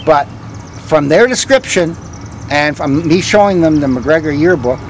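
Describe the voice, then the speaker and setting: Higher-voiced older man guiding outdoors. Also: lively intonation, measured pace. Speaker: ghost walk guide, former vice principal. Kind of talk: live storytelling to a walking tour group. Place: outdoors on a town street. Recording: outdoor street recording with faint traffic noise.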